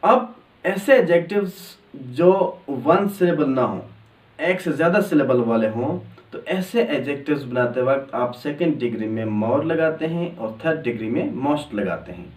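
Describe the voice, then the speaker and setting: A man explaining English grammar step by step, drawing out example words slowly. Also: mid-range voice, expressive. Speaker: English teacher. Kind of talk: grammar lesson. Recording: echoey room, distant mic.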